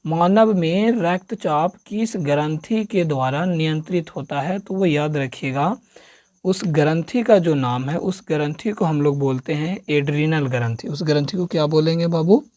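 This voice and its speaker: This is an exam-prep classroom lecture in which a male coaching teacher covers science, drilling answers through repeated questions to the listener. His voice is slightly high and a little mellow, at normal speed, in studio quality with no echo.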